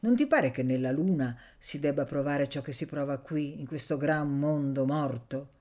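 A woman's voice: low voice, normal speed, dark tone. A woman reading as a teasing young man. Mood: wry. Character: young male student, worldly, teasing friend.

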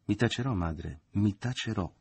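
A man with a low, husky voice reading a glib, mocking young man in an audiobook. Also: moderate pace, a little mellow, exaggerated voice. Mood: mock-contrite. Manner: ironic, mocking.

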